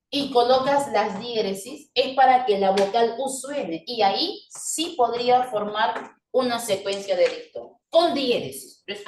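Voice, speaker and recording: Woman teacher. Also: on the high side. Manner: patient, explanatory, checks in with frequent "¿ya?". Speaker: language teacher. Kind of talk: online class lecture. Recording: echoey room, voice from far off.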